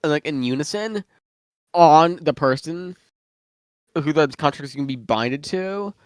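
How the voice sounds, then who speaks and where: A man's voice: a little high, lively intonation, takes it slowly, smooth, no room sound, studio quality. A man chatting casually about fictional lore, rambling with lots of fillers and restarts while eating, so he sounds slightly muffled. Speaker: guest worldbuilder.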